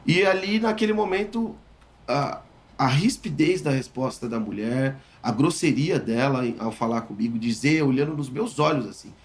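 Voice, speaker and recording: A man's voice: medium pitch, normal speed. Earnest man retelling an incident. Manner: earnest, emphatic, with frequent restarts. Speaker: interviewee. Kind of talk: recounting a personal experience.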